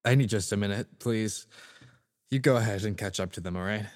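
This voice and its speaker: A man's voice: on the low side, a little fast, in a large hall, close to an everyday voice. A man playing Edward, a stammering, shaken man. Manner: stammering, agitated. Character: nervous, shaken male worker caught in danger. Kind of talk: video game voice acting.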